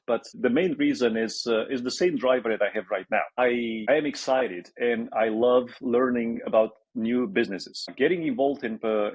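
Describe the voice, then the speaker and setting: This Romanian man in his forties, a guest entrepreneur, speaks with a Romanian accent in a mid-range, slightly mellow, husky voice. He answers interview questions hesitantly, full of fillers and restarts. The recording is dry and the audio dull.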